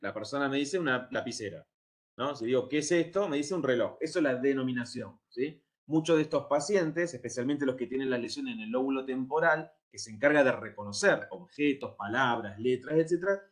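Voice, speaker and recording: A man's voice: mid-range voice, a little fast. A man giving a university lecture, explaining step by step and often checking that his students follow. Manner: explanatory, checks understanding with frequent "¿sí?".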